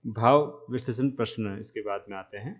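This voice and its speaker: A man lecturing trainee teachers, speaking slowly and repeating key terms, with frequent checks that the class is following. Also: fairly low pitch, highs cut off. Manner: asks "है ना?" to check understanding.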